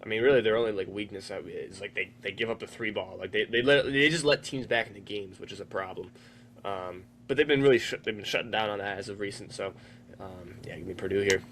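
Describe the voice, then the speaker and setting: A young man with a lowish voice gives his picks on a casual podcast. He is laid-back and teasing, leaning on fillers, with a faint hum underneath. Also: quick pace, fairly bright tone. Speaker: podcast co-host. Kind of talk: casual sports podcast chat.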